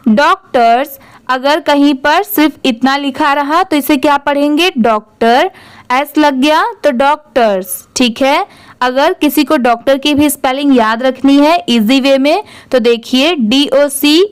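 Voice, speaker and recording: Slow, high-voiced woman teaching phonics. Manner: spells words letter by letter, then asks and answers her own questions; reads English sentences very slowly and deliberately. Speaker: English reading teacher. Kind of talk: Hindi-language phonics lesson.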